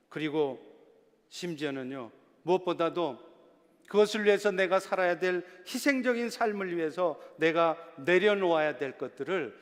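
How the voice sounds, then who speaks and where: A man preaching a sermon as a pastor in a church, swinging between loud, emphatic passages and hushed, soft ones. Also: on the high side. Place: church sanctuary. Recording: long reverb of a church hall.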